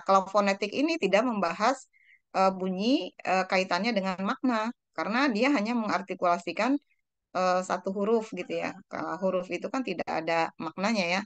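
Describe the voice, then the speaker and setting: Smooth-voiced woman lecturing a class. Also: mid-range voice, dry recording. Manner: explains with many fillers and tag questions; slows to sound out Arabic words. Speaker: university lecturer.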